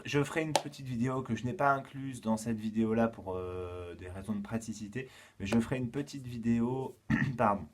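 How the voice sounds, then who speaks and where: A man teaching a remote lesson to young children, counting aloud slowly and patiently, with frequent fillers as he explains. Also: medium pitch, darkish tone, a little hiss or hum. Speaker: kindergarten teacher.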